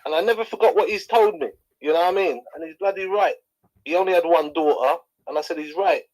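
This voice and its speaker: A man's voice: sits high, quick pace, a little mellow, low-quality recording. A man debating casually on a talk show, circling his points hesitantly and checking for agreement.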